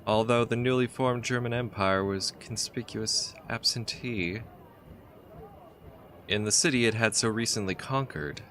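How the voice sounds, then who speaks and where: A man's voice: mid-range voice, measured pace, fairly bright tone, a little hiss or hum. A man playing a text adventure game, chatting casually and reading the story aloud, often stumbling and restarting words. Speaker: game player.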